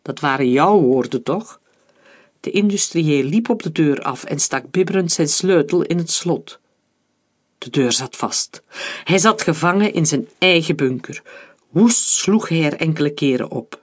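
Husky audiobook narrator. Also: mid-range voice, expressive, a little slow.

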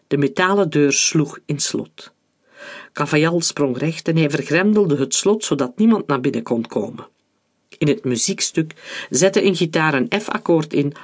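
A narrator reads a thriller in a steady, measured way. The voice is husky and a little breathy. The pitch is neither high nor low. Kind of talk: audiobook narration.

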